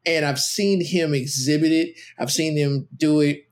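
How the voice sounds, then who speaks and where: A man's voice: fairly high pitch, steady tone, measured pace. A man talking casually on a podcast about parenting, rambling with many restarts and trailing off. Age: adult with a teenage son.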